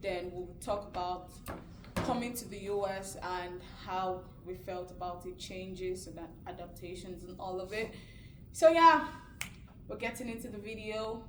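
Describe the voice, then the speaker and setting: A young woman from Nigeria with a mid-range voice hosts a casual group chat at an unhurried pace. She's chatty, using lots of "like" and "you know." The recording has an echoey room and background hiss.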